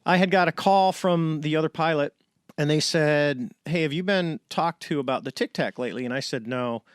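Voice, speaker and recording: A man's voice: fairly high pitch, moderate pace, clear, resonant tone, dry recording. A middle-aged man from the United States, a guest on an interview show, telling a long story in a casual way and acting out the voices of the people he quotes. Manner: animated storyteller, acts out quoted dialogue. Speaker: interview guest, retired navy fighter pilot.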